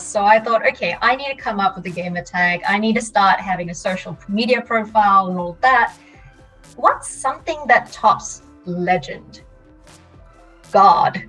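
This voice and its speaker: A woman's voice: mid-range voice, recorded from a distance, rough recording. Woman telling stories, a little off-mic. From Malaysia. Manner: lively storyteller, laughs often. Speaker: podcast guest. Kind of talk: casual storytelling interview.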